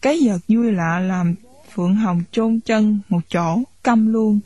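Husky woman reading a novel. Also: medium pitch, takes it slowly, no room sound. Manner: steady storytelling, shifting into character voices. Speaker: audiobook narrator.

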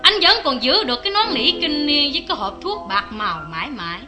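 A lively, sharp-tongued wife. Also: female voice, high voice, fast, exaggerated voice. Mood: chatty. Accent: Southern Vietnamese. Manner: chatty, lively and teasing. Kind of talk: vintage radio drama acting. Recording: clear music behind.

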